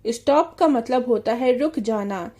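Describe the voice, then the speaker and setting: A woman gives a children's English lesson, her voice high and mellow. She reads each English line of the story slowly, then explains it in an encouraging question-and-answer way. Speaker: teacher.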